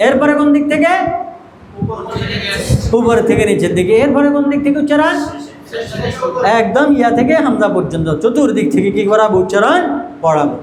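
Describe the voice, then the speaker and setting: A man's voice: very high-pitched, roomy sound, poor audio. A man training teachers in Quran reading, asking the class questions and answering them himself as he drills syllables.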